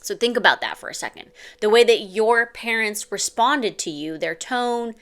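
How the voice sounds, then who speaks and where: A woman's voice: on the high side, lively intonation, moderate pace, a bit bright. Earnest woman parenting coach talking to camera. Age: adult mother. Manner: earnest, confiding, uses "like" and "okay?". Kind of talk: direct-to-camera advice talk.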